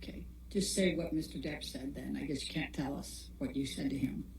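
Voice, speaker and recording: A woman examines a witness as a lawyer. Her voice is low and dark in tone, with formal, measured phrasing. It is recorded in an echoey courtroom with faint background noise. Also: steady tone.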